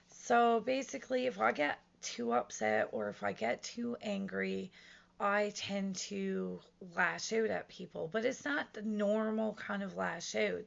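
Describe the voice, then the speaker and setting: Earnest woman in her thirties, gravelly. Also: mid-range voice, muffled recording. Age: 30s. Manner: earnest, conversational, full of fillers and restarts. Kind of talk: casual personal talk to camera.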